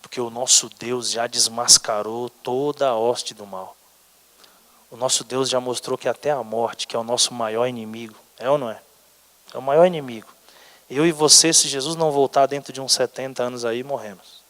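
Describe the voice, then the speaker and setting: A male pastor from Brazil preaching a sermon dramatically, moving between loud exclamations and hushed questions. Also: mid-range voice, steady tone, moderate pace. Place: church sanctuary. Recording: church hall with long reverb.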